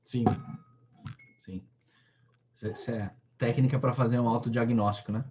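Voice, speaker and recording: A man's voice: mid-range voice, steady tone, measured pace, warm tone, breathy edge, muffled recording. A man giving a casual online training talk, often restarting his sentences and using fillers. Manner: hesitant, many restarts and fillers.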